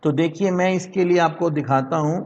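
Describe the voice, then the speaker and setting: A man teaching an English lesson to children in Hindi, slowly drilling words for them to repeat. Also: a little high, darkish tone. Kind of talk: classroom lesson explained in Hindi. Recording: dull echoey classroom recording.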